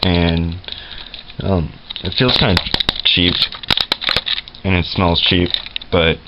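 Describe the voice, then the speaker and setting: A man's voice: deep voice, level tone, takes it slowly. A man casually showing off his game collection in a room at home, hesitant and full of fillers and self-corrections. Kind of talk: casual show-and-tell vlog. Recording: dull lo-fi camera audio with loud noise.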